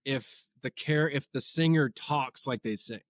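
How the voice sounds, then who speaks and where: Chatty man telling animated stories. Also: medium pitch, unhurried, no echo, studio quality. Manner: rambling, animated storytelling with many filler words. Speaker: podcast guest, comedy content creator. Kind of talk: casual chat.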